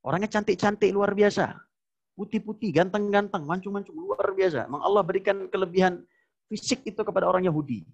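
Male preacher, fairly high voice, animated storytelling lecture that plays the quotes out, on a dull lo-fi recording. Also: brisk, vocal fry, slightly rough. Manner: storytelling, acts out quoted lines with sharp pitch jumps; addresses the audience directly as "Bapak Ibu". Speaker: Islamic preacher. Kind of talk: religious lecture.

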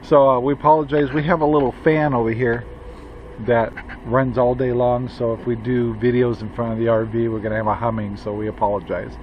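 A man in his fifties talking casually about an RV road trip, relaxed and rambling with many fillers, recorded in his truck and outside his RV. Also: mid-range voice, a little fast, dull audio, a little hiss or hum. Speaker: RV travel vlogger. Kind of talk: casual travel vlog chat. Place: in a pickup truck, then outdoors beside an RV.

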